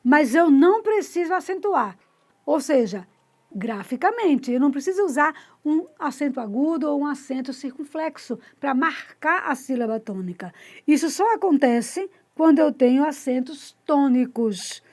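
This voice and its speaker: High-voiced woman teaching grammar. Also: expressive, normal speed, a little mellow. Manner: explains step by step, points at a board; frequent tag questions. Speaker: Portuguese teacher. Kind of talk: casual video lesson.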